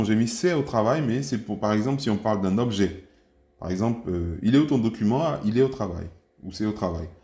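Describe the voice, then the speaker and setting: Mellow-voiced man teaching a language lesson. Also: fairly low pitch. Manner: patient, encouraging, repeats each phrase slowly. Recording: echoey room.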